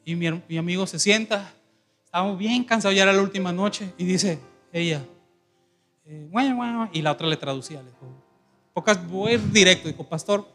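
A man's voice: high voice, a little fast, faint music behind. A man pastor, telling a story in a sermon and acting out the voices in it, laughing as he goes. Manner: animated, acts out quoted voices, laughs while telling.

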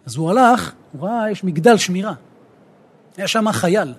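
A rabbi teaching a Torah lesson, an animated storyteller who rises to emphatic outbursts. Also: male voice, high-pitched, breathy edge.

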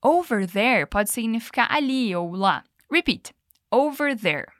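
A woman hosts a podcast language lesson. Her voice is bright and raised a little in pitch, and she sounds playful and upbeat. The recording is dry and close, with no room sound. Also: expressive, dry recording. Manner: upbeat, playful, switches between Portuguese and slow English examples. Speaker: English teacher and podcast host.

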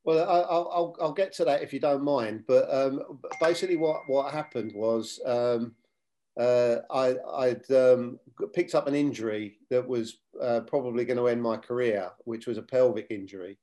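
Man in his sixties, middle pitch, former player and coach, measured storytelling, interview guest. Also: warm tone. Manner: measured, many fillers and restarts, retells dialogue.

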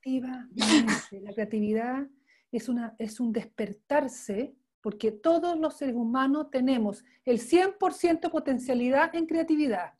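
A woman's voice: sits high, measured pace, darkish tone. A woman coaching trainer teaching live and informally, effusive and emphatic, often checking in with short questions. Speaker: coaching trainer leading an online class.

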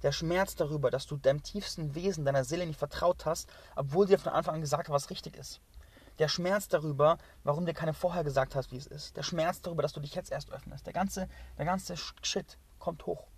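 A man delivering an impassioned motivational monologue as a spiritual coach. He talks intensely and emphatically, repeats phrases, swears, and sometimes drops to a hushed half-whisper. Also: fairly high pitch, brisk, slightly rough, no echo.

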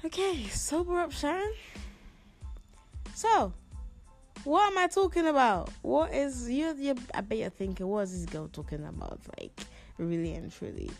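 This podcast host is a woman in her twenties from Ghana who has lived there six plus years, speaking in a high-pitched, very animated voice with vocal fry at normal speed. Faint music plays behind her solo show as she vents to listeners in a sassy, slangy, theatrically complaining way.

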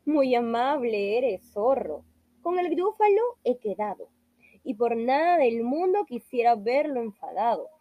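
A woman voicing a small, clever, boastful mouse who speaks slowly with a sly, playful manner. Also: fairly high pitch, sing-song, dry recording, muffled recording.

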